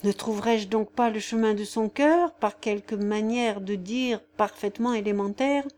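A woman reading a novel aloud voices a gentle, remorseful young nobleman who speaks in a measured, formal way. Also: mid-range voice, natural voice. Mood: tender. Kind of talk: audiobook character voice.

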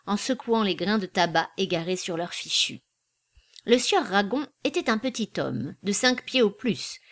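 A woman narrating a classic novel in a measured, clear literary reading. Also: mid-range voice.

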